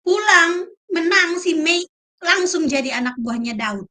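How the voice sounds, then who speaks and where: High-voiced, animated woman preacher. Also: unhurried. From Indonesia. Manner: emphatic, lively preaching with acted-out quotes. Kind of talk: sermon.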